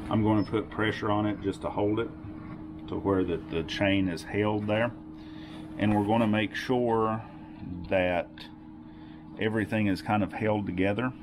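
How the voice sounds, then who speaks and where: Man, deep voice, unhurried, methodical workshop how-to, clear background noise. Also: steady tone. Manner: patient, methodical, repeats key points. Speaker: workshop tool demonstrator. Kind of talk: step-by-step how-to explanation. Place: home workshop, indoors. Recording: noisy workshop recording.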